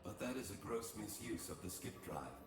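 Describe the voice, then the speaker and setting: Low, gravelly, officious ship computer. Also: male voice, sing-song, moderate pace, echoey room, distant mic. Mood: stern warning. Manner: stiff, officious, formal. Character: stern, officious male ship computer, rule-bound and disapproving. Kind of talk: scripted video game acting.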